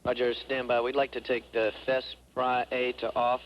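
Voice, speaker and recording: A man making astronaut radio calls from mission control, giving measured procedural instructions. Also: mid-range voice, completely flat delivery. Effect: radio transmission. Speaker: capsule communicator in mission control. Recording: dull radio link with clear noise.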